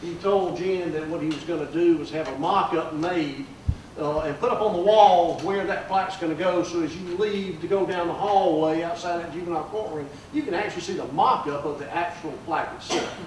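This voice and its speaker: An older man, a judge, gives a folksy memorial speech at a plaque dedication in a large room, telling stories warmly with many fillers. His voice is a little high and fairly quick. The mic is distant and the room echoes, with a little hiss or hum.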